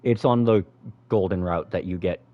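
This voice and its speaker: Low-voiced man commenting on gameplay. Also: normal speed, no room sound, narrow, tinny audio. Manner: relaxed, explains game mechanics as he plays. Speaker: game streamer. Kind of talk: casual live gameplay commentary.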